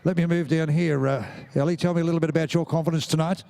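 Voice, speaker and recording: A middle-aged Australian man calls a live pony race at an outdoor showground, talking into a handheld mic. His voice sits high and bright for a man, and he teases the young riders and rouses the crowd in a jovial, playful way. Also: fairly even intonation, fast talker, vocal fry. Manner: jovial, teasing, crowd-rousing. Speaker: ringside announcer. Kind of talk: live event commentary.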